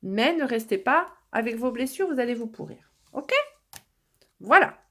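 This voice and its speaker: French woman doing a card reading, chatty and reassuring, voice a bit high, lots of euh's. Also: lively intonation, moderate pace, fairly bright tone. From France. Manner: chatty, reassuring, many fillers and restarts. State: losing her voice. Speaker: tarot card reader. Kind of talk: casual card-reading guidance.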